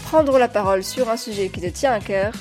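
A woman's voice: medium pitch, fairly quick, a little mellow. Woman podcast host, chatty, laughs easily, light music behind. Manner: chatty, laughs often, many fillers. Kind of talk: casual interview.

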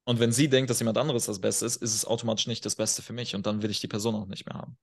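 Self-assured male podcast guest with a gravelly edge, blunt opinions, anecdotes. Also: on the low side, steady tone, racing. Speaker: guest coach. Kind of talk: casual podcast chat.

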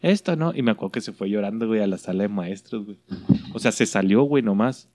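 Low-voiced Mexican man, rapid casual talk. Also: darkish tone, no echo. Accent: Mexican Spanish. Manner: slangy, quick back-channel replies. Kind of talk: casual chat.

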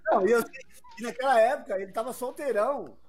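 Fast-talking talk show joker. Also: medium pitch, a little mellow. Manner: fast joking banter. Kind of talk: casual banter on a comedy talk show.

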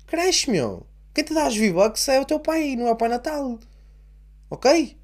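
A man's voice: extremely high pitch, sing-song, a little slow, voice pushed up, heavily acted. A man voicing an exasperated young father who bluntly scolds his ten-year-old son. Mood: exasperated scolding. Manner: blunt, mocking, swearing.

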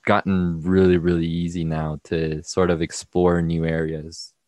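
Hesitant deep-voiced teenage guest. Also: male voice, flat delivery, a little mellow, no room sound. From Mexico. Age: teens. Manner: hesitant, halting, laughs often. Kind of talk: casual interview chat.

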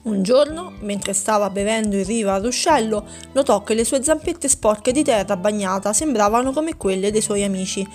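A woman narrating a children's story in a steady, gentle storytelling manner. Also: mid-range voice, moderate pace, few pauses, soft background music.

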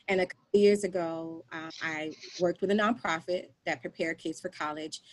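A woman guest on a podcast explains her work with lively storytelling. She often stops to say "um" and "like." Her tone is casual and talkative. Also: fairly low pitch, moderate pace, low-quality recording. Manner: animated storyteller with frequent fillers. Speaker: podcast guest, nonprofit founder.

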